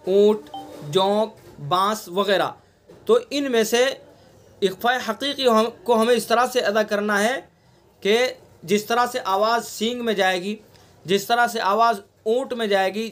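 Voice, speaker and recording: A man with a Delhi Urdu accent teaching Quran recitation rules in an online class, patiently explaining and repeating examples with drawn-out nasal sounds. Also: very high voice, a bit bright. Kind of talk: online tajweed lesson. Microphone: online class recording.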